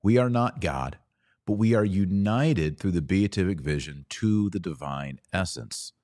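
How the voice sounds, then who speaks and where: A low-voiced man from Texas hosts a podcast, delivering a religious lecture at a very unhurried pace. He is emphatic and didactic, with lively intonation and a slightly mellow tone, and he leaves dramatic pauses between short phrases. The recording is very dry, with no room sound at all.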